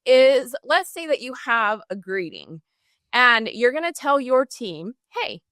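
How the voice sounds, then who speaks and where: Woman coach on a podcast, bright and lively, quite high, dead dry. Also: no room sound. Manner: enthusiastic, coaching tone with quick acted examples. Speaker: podcast guest, customer service trainer. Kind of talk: energetic interview answers.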